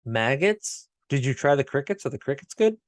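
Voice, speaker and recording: A man's voice: medium pitch, sing-song, moderate pace, no room sound, clean studio sound. A man co-hosting a casual podcast, blunt and self-mocking, swearing easily. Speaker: podcast co-host. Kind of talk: casual chat.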